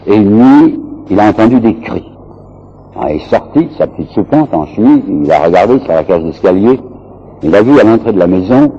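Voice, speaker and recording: A man's voice: fairly low pitch, warm tone, husky. Man lecturing on a dull old radio recording. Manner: storytelling, quoting texts aloud with emphasis. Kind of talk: public lecture on history.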